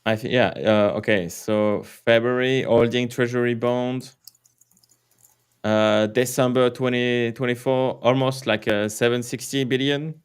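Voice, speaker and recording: A man's voice: medium pitch, fairly even intonation, measured pace, clean tone. A man with a French accent hosting a casual crypto livestream, rambling with lots of fillers, swearing and laughing.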